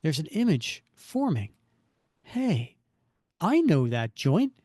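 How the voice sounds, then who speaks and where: Spider-Man as a cocky, wisecracking young hero with a lifted, lively voice, put on by a man reading a story aloud. He quips his way through every line, bouncing up and down in pitch. The sound is close and dry. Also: slow pace, no room sound, exaggerated voice. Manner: quippy, sardonic inner monologue. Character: wisecracking male superhero, young adult.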